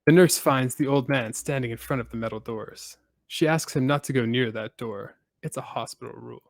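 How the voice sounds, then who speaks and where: Podcast guy walking thru a plot recap, even steady telling, dry little jokes, close dry mic. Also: medium pitch, normal speed, no echo. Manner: steady storytelling with dry asides. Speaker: podcast host.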